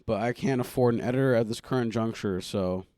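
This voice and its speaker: A man's voice: medium pitch, a little fast, dark tone, dry recording, clean studio sound. A young man hosting his own podcast at home, chatting casually and rambling playfully while poking fun at himself. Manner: self-mocking, rambling, playful. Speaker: podcast host. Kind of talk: casual solo podcast chat. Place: home room.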